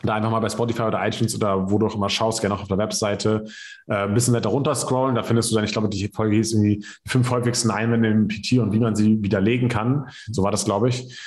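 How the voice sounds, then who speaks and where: A man's voice: lowish voice, flat delivery, fast talker, a little mellow. A man hosting a casual podcast about personal training, talking loosely with many fillers and tag questions. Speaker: podcast host.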